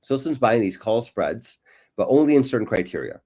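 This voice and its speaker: A man's voice: mid-range voice, big pitch swings, fairly quick, dark tone. A man casually explaining how his trading algorithms work, with lots of "right?" checks and fillers. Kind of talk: casual interview chat.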